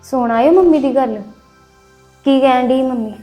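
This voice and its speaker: Actress as a high-voiced, resentful young wife; web drama, faint music under. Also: female voice, measured pace, dark tone. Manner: resentful, complaining. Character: fed-up young wife resenting her in-laws.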